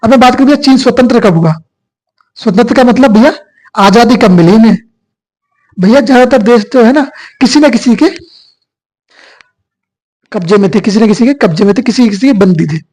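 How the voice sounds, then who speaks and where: A man's voice: very high-pitched, a little fast, pauses often, a little mellow, rough recording. A male teacher giving an exam coaching lecture, asking questions and answering them himself. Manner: repetitive call-and-response questioning.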